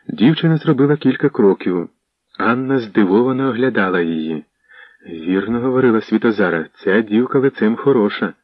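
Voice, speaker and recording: A man reading a novel aloud as audiobook narrator, measured and expressive in his storytelling. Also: fairly low pitch, no room sound, muffled recording. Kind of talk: scripted narration.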